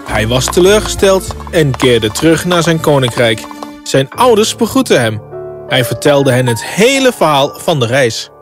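A man's voice: fairly high pitch, sing-song, normal speed, over music. A man reading a scripted fairy tale as a storybook narrator.

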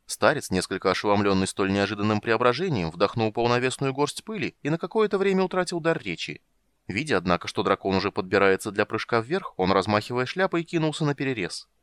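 A man narrating a fantasy audiobook in an expressive, animated reading. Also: on the low side, fast, clear, resonant tone, no room sound.

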